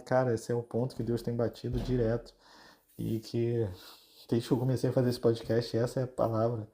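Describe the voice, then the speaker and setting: A mellow, medium-pitched male voice with a Brazilian Portuguese accent leads a laid-back devotional podcast. He chats informally, as if in conversation, speaking right to the people listening.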